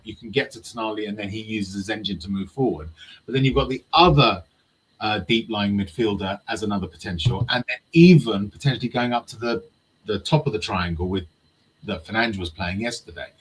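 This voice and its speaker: A man's voice: lowish voice, a little fast, a little hiss or hum, poor audio. A man talking football tactics in casual chat, passionate and swearing freely.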